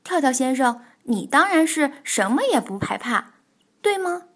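A woman voicing a big, timid female rabbit in a children's storybook, with a raised, excitable voice. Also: measured pace, full character voice. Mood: indignant. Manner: high, excitable, easily flustered.

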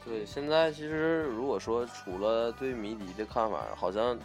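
A man chatting casually as a co-host, thoughtful and hesitant, pausing with fillers. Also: mid-range voice, music in the background. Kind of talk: casual chat.

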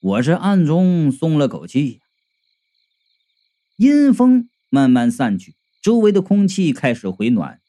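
A man narrating a comic audiobook story in an animated, exclamatory way. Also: a little high, takes it slowly.

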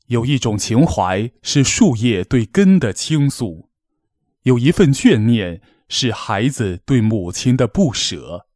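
A gala host reads a scripted, poetic speech with solemn, declamatory, measured phrasing. His mid-range voice is sing-song with a darkish tone, captured at studio quality with no echo.

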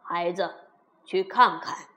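Woman doing a low-voiced old king. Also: slow, a bit bright. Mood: puzzled. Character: calm older king, father.

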